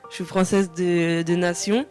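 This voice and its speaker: A woman's voice: lowish voice, fairly even intonation, a little slow, a little mellow, soft background music. Hesitant young French woman singer. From France. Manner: hesitant, many fillers and restarts. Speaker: singer, interview guest. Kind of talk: casual interview answers.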